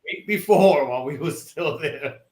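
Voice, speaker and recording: Guy co-hosting a podcast, kinda high voice, rambly and hyped, roomy echo. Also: normal speed. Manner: excitable, rambling with many restarts and fillers. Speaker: podcast co-host. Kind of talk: casual chat.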